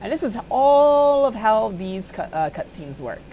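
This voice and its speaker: This tutorial host's voice is a little high and mellow, with big pitch swings and a slightly slow pace, captured in poor audio with slight background noise. She runs an informal, unscripted software modding tutorial, chatting offhandedly and thinking aloud.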